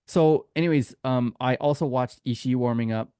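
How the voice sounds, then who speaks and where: A man with a mid-range, warm, smooth voice speaks at a normal pace, recorded in studio quality with no room sound. Co-hosting a casual sports podcast, he tells anecdotes in a chatty, informal way and acts out quoted exchanges. He is a podcast co-host and tour guide.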